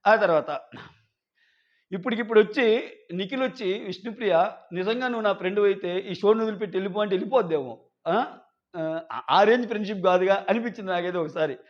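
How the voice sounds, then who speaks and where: Male show reviewer, chatty recap that slips into quoted lines, thin muffled sound. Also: high voice. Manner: retells scenes, quoting contestants in quick acted snippets. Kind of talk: casual episode recap. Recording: dull lo-fi audio.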